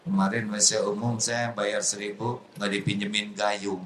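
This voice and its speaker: A man's voice: fairly low pitch, level tone, normal speed. Man preaching a playful sermon, echoey hall. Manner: playful, acts out little scenes, frequent sighs of astagfirullah. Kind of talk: humorous sermon. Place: large hall before an audience. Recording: echoey hall with faint noise.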